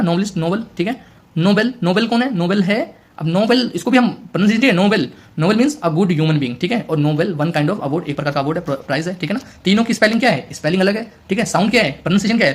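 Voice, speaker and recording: Male tutor with a high voice, exam-prep class, repeats himself, keeps checking students follow. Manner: repetitive, constantly checking in with students; explains in mixed Hindi and English. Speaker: teacher.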